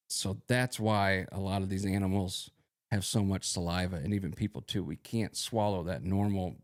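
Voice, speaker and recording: A man with a low, gravelly voice talks as a horse vet on a podcast. He explains things in a relaxed, folksy way for animal owners. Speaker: equine veterinarian. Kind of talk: educational podcast talk.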